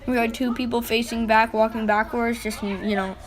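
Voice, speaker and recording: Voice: medium pitch, level tone, moderate pace. A female-sounding voice giving informal, rambling vlog commentary over exploration footage, with mild swearing. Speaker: vlog narrator.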